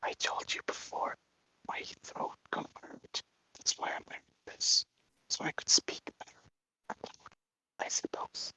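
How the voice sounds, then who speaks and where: A man's voice: a little slow, long pauses, bright, forceful tone, no room sound, in a whisper, poor audio. A man talking through a voice changer, giving curt, unbothered answers as the interviewee. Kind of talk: casual online interview.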